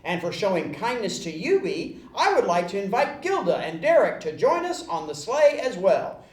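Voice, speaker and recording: Storybook Santa, performed by a woman: kindly old man in charge, deliberate delivery, wide swings, roomy sound. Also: medium pitch, sing-song, darkish tone, lightly acted. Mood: warm, festive. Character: kindly, authoritative old male Santa Claus. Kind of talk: children's storybook readalong. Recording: roomy echo.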